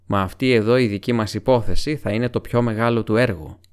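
A man's voice: fairly low pitch, fairly even intonation, clean tone, close to an everyday voice. A man reading Strider, a grave weathered ranger. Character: grave weathered male ranger, calm and guarded. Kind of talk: audiobook character reading.

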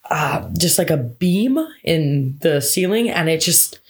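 Woman w a lower voice chatting about a movie, kinda hesitant, restarts a lot. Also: expressive, slow pace. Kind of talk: casual chat, movie review.

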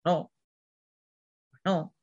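A woman's voice: very slow, a little mellow. A woman with a Spain Spanish accent hosting a parenting program, talking in a chatty, rambling way and often tagging her sentences with a questioning "no?". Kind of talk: casual spoken monologue. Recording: slightly muffled recording.

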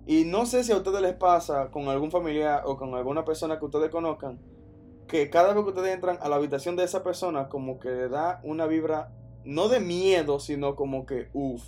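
A man from the Dominican Republic with a Dominican accent, casually telling a personal story in an animated, slangy way, often restarting his sentences. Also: a little high, moderate pace, a little hiss or hum. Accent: Dominican Spanish. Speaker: podcast storyteller.

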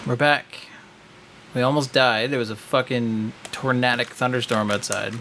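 A middle-aged man, talking loosely and profanely on a podcast. He rants and jokes sarcastically in a medium-pitched voice, with a faint hiss behind him. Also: fairly even intonation, moderate pace. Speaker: podcast co-host. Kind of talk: casual political chat.

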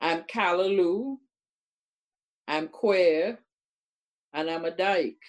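A woman's voice: on the low side, very slow. An older woman from Trinidad and Tobago, a guest in casual conversation who speaks earnestly and repeats words for emphasis. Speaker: guest, community workshop presenter.

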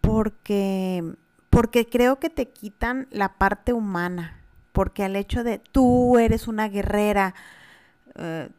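A woman's voice: mid-range voice, slow pace, darkish tone. A woman with a Mexican Spanish accent, a mother co-hosting a casual podcast conversation, speaking candidly and earnestly with frequent fillers.

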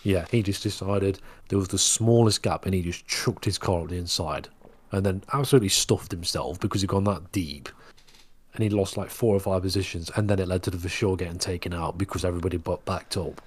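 A man's voice: low voice, brisk, husky. A man co-hosting a motorsport podcast, blunt and laid-back in casual chat. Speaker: podcast co-host.

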